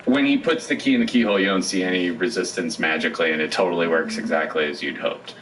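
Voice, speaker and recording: A man running a tabletop game as game master, narrating casually with halting, informal improvisation. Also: sits low, fairly bright tone. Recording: echoey room, distant mic, clear background noise.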